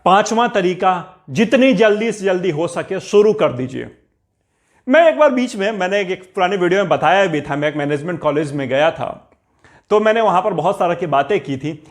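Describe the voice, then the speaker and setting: Earnest, higher-pitched male motivational speaker. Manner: earnest and exhorting, with rhetorical questions and repeated commands. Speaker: motivational speaker on personal finance. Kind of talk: motivational talk.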